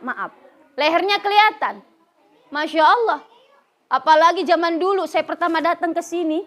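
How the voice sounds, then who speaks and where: A middle-aged woman preacher from West Java giving a humorous religious lecture, telling stories lively and laughing often. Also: very high voice. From West Java, Indonesia. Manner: lively storytelling, acting out characters, frequent laughter. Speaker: female Islamic preacher.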